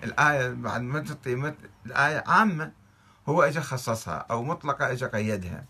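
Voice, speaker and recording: A man's voice: mid-range voice, expressive, fast talker, sharp tone, slightly rough. A man with an Iraqi Arabic accent reads religious texts aloud and critiques them, arguing his case with a string of rhetorical questions. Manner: argumentative, fires off rhetorical questions. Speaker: religious commentator.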